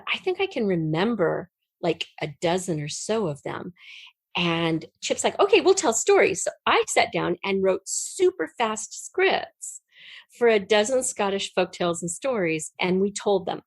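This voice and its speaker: This middle-aged American woman, a writer and performer, is a podcast guest chatting casually and telling personal stories. Her mid-range voice has no echo, and she animatedly acts out what people said.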